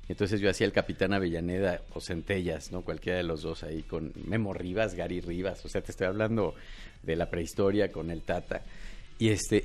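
A middle-aged Mexican man tells stories in a loose, chatty way, full of fillers and laughter. His voice sits on the low side. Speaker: comedian and impressionist guest. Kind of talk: casual interview chat.

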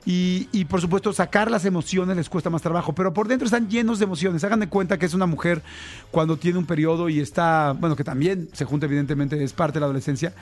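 A man's voice: on the high side, quick pace. A man giving casual parenting advice, talking conversationally and addressing listeners directly.

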